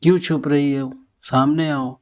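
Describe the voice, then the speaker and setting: A male storyteller voicing a frightened young man who asks insistent, rushed questions. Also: fairly high pitch, fairly even intonation, darkish tone, pitched above the performer's own voice, lightly acted. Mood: pleading.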